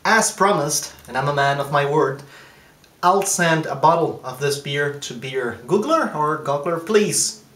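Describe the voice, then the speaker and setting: A man giving a casual, thoughtful taste review of his own beer, pausing often with fillers and restarts. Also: on the high side, fairly bright tone, roomy sound. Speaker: home brewer.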